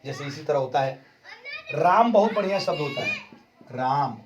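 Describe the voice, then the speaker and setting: Slow, explanatory male Hindi teacher. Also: fairly high pitch, expressive, recorded from a distance, muffled recording, noisy background. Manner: slow, explanatory, stretches key terms. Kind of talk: exam-prep grammar lesson.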